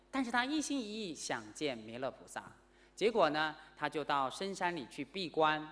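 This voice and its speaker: A woman Buddhist nun teaching a class, telling a story with lively asides and questions to her listeners. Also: sits low. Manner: animated, asks the class questions. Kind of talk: storytelling sermon lecture. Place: Buddhist centre lecture hall.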